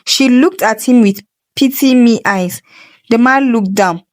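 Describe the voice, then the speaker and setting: A Nigerian-accented woman, her voice a little high and her pace unhurried, narrates a folktale dramatically, giving the characters their own voices.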